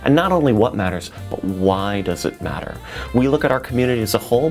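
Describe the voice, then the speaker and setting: A man's voice: lowish voice, vocal fry. An older man, a radio show host, describing his program in an earnest, explanatory way in a radio studio. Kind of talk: promotional talk. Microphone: studio microphone with headphones.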